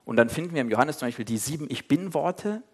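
A man's voice: mid-range voice, expressive, fast talker. A man leading a Bible study, explaining informally to his listeners, then reading a passage aloud and lightly voicing the quoted speakers. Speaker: Bible teacher.

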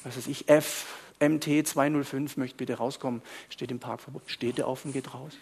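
A man preaching to a congregation, telling stories in an animated way that swings between quiet asides and loud outbursts. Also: mid-range voice, normal speed, husky. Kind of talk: storytelling sermon.

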